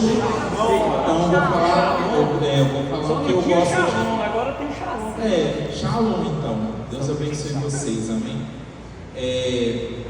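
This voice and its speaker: A man in his thirties, a worship leader and singing teacher, gives an animated church talk to a live audience and acts out the lines he quotes. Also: on the high side. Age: 30s. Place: large church hall. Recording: echoey hall, distant mic, noise.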